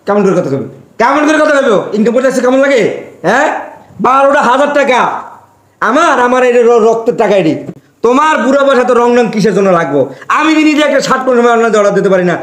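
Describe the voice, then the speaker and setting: Actor as a stingy, hot-tempered son, hectoring, very high and rapid-fire, echoey room. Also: male voice, animated, a bit bright. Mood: scolding. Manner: scolding, hectoring rhetorical questions. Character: stingy hot-tempered grown son, berating his mother.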